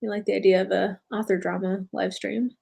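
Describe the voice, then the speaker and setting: A woman's voice: medium pitch, flat delivery, brisk, creaky, dark tone, slight background noise. An American woman hosting a casual live stream about books, tired after a long day, rambling with many fillers and self-corrections and often laughing. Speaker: booktube host.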